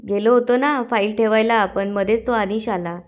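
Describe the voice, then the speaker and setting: A woman's voice: medium pitch, fairly even intonation, normal speed, natural voice. A woman doing a rustic, evasive village man.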